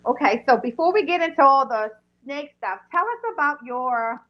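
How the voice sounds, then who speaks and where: A woman's voice: high voice, animated, moderate pace, a little hiss or hum. A woman hosting a casual interview show in a chatty, informal way. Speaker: podcast host. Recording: dull lo-fi audio.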